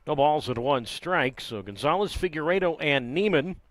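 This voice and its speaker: A man calling live baseball play-by-play from the ballpark, relaxed and conversational, with dry sarcastic asides. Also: fairly high pitch, normal speed, no room sound. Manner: conversational, wry asides, filler "uh" between counts. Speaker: play-by-play announcer.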